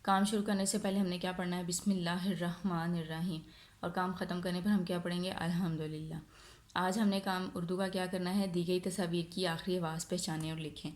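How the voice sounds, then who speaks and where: A woman's voice: lowish voice, little pitch movement, a little mellow. Pakistani woman teaching small children. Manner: asks questions and answers them herself, drawing out words slowly. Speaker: nursery teacher. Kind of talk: recorded online lesson for young children. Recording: echoey room.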